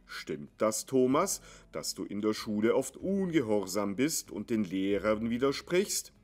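A man voicing a young male student dressed as Santa, who scolds the family in a deep, stern, schoolmasterly tone. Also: big pitch swings, measured pace.

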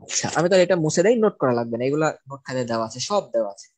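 Male tutor, dark mellow tone, patient drilling style, asks and answers his own questions. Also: medium pitch, lively intonation, very fast. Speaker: chemistry tutor. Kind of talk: online class lecture.

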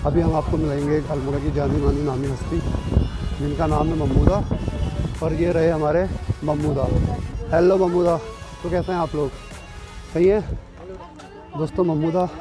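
Chatty young man guiding a market tour. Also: on the high side. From Uttarakhand, India. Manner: chatty tour-guide address to viewers. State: slightly sore throat. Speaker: vlogger. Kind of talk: walking city tour vlog. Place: outdoors in busy market streets.

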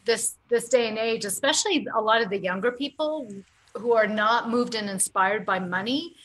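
A woman chatting casually on a radio show, halting and repeating words as she reflects. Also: fairly high pitch, a bit bright, poor audio.

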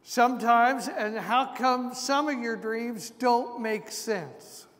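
A man's voice: extremely high pitch, fairly bright tone. A man preaching a sermon in a church, moving from scripture reading into story-filled asides to the congregation. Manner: slow, deliberate preaching with asides. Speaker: pastor. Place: large church sanctuary. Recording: long church reverb.

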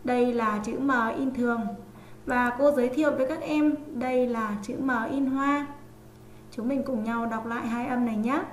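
A high-pitched woman teaches young children to read in an online lesson. She stretches each sound as she spells out syllables. The room echoes, with a faint hiss behind her. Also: fairly even intonation. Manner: slow, drawn-out sounding out of letters. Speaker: online primary school teacher.

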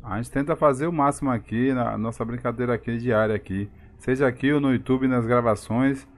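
During a live game stream, a man from Salvador, Bahia, Brazil, chats casually with viewers and greets them by name in a Bahian Brazilian Portuguese accent. His mid-range voice moves at a brisk clip.

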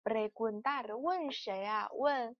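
Female teacher, high voice, patient repeat-after-me drills, dry slightly muffled sound. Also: no room sound. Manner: slow, repeated word drills. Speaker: language teacher. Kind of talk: lesson.

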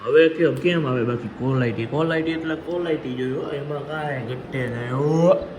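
A male vlogger with a mid-range voice talks at normal speed to viewers through his phone camera while going about town. He's chatty and greets them warmly with devotional calls, with a noisy street behind him.

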